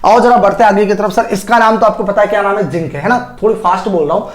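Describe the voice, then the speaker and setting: A chemistry teacher gives a quick-paced classroom lecture in a fairly high voice, recorded in an echoey room. He keeps asking his students questions and answering them himself, using homely Hindi analogies and everyday comparisons. He addresses the students as "sir."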